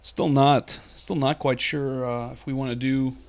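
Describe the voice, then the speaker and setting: A man's voice: medium pitch, flat delivery, a little slow, a little mellow. Chatty, rambling man. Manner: rambling, chatty, lots of fillers and restarts; jokey, talks to chat. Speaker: miniature painting streamer. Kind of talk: casual live painting tutorial.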